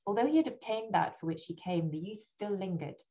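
A woman, a literary scholar, reading a gothic essay aloud in a steady, deliberate way with an occasional slip and restart. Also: mid-range voice, dull audio.

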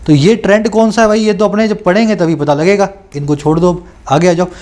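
Man, exam coaching teacher, high voice, explanatory, reads questions out slowly. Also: darkish tone. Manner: explanatory, checks understanding with tag questions; reads English questions aloud slowly, then explains in Hindi.

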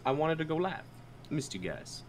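A man from Minnesota streaming a game, chatting in a relaxed, rambling way with um and uh fillers. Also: on the high side, moderate pace, slight background noise. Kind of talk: casual live-stream chat.

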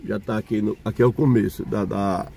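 Talking to his viewers from a car and later at an outdoor street market, an older vlogger gives chatty, casual narration, pointing things out along the way. His voice is on the low side, gravelly and mellow, fairly quick, with fairly even intonation and a slight hiss or hum.

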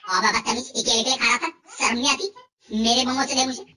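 A man's voice: extremely high pitch, fairly even intonation, fast talker, distant mic, crowd noise, voice pushed up. A man voicing a rude, bossy and greedy female pet dog who scolds and calls names, in a comic video. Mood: greedy, indignant. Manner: scolding, name-calling, demanding.

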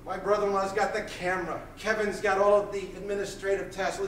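An intense man in his thirties preaches a sermon, pacing and raising his voice. His voice sits fairly high for a man. The sound comes from far off across a roomy church hall, with a faint hiss behind it. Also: level tone, a little fast. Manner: intense and loud, pacing the stage. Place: small church hall, indoors. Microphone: far camera, room mic.

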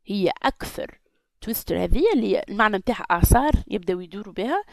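A woman with a Tunisian accent, teaching an English lesson. She says each sentence slowly and carefully, repeats it, then explains it. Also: a little high, a little mellow, no room sound, rough recording. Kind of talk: slow classroom explanation, switching between English and Arabic.

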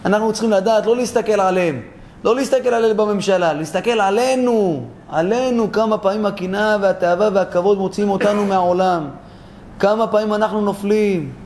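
A male rabbi telling a story in an animated sermon and asking his listeners rhetorical questions. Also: sits high, a little hiss or hum.

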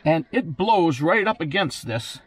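Lying under a cabinet in a cramped van, a Canadian man probably in his sixties explains a repair in a casual, hands-on way. His slightly rough voice is a little high with lively intonation, halting with many "uh" fillers and dry jokes. There is no room sound.

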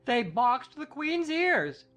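A woman's voice: high voice, sing-song, slow, fairly bright tone, faint music behind, exaggerated voice. A woman playing a nervous, gossipy male rabbit in a storybook audio drama. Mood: confiding. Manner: anxious, confiding.

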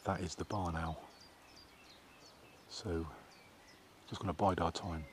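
A man's voice: low-pitched, fairly even intonation, slow, a little hiss or hum. A middle-aged man with an English accent, chatting plainly as he vlogs his wildlife photography outdoors in a field, camera held at arm's length. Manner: plain, chatty, matter-of-fact. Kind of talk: casual outdoor vlog narration.

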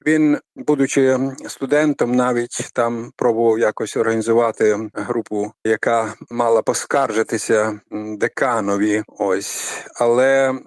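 Older male academic guest, measured lecturing delivery with hesitations, mid pitch, dry studio. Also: steady tone, no room sound. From Ukraine. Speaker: literary scholar guest. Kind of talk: radio interview.

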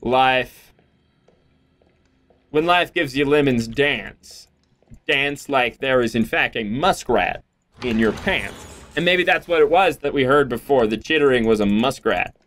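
A man's voice: mid-range voice, measured pace, fairly bright tone. A young man hosting a let's play, rambling goofily through gameplay commentary with jokes and sudden exclamations. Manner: goofy, rambling, jokey self-talk with sudden exclamations.

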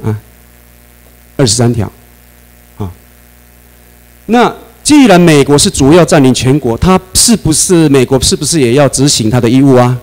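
A man with a Taiwanese Mandarin accent giving a classroom lecture, animated, often asking the class questions and laughing. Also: mid-range voice, moderate pace, long pauses, low-quality recording. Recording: mains hum under the voice.

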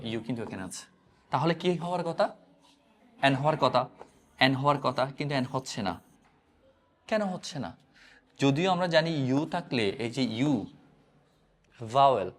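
A man teaching an English grammar lesson, repeatedly asking his students questions and drilling the answers. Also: on the high side. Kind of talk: classroom-style grammar lesson.

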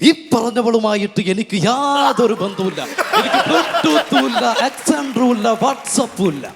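Gravelly high-voiced male comic interpreter. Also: slow. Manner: deadpan mock translation. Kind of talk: stage comedy. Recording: live hall with crowd and noise.

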